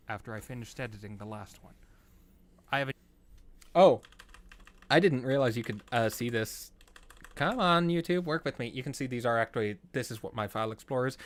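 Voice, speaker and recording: Guy rambling about how he made his videos, trails off n restarts, gets excited, dry close mic. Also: medium pitch, no echo. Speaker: YouTuber commenting on his own videos. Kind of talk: casual behind-the-scenes commentary.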